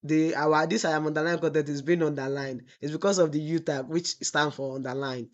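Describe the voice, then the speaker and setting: A man's voice: on the high side, steady tone, fairly quick, lo-fi sound. A man teaching web development in a screen-recorded tutorial. He asks the class "what?" and answers himself, and he drawls out the example text while he types. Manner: asks the class rhetorical "what?" questions, then answers them.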